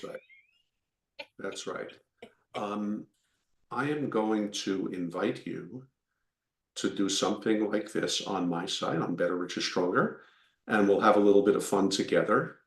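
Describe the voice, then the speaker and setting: Low-voiced man in a roomy echo. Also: unhurried, pauses often. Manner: reflective, joking, slightly salty. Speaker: dentist guest. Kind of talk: casual podcast chat.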